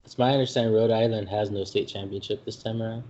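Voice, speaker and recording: A man co-hosting a podcast, chatting casually about a tabletop game, chiming in with quick agreement and telling short stories. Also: on the low side, steady tone, warm tone, dull audio. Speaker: podcast co-host.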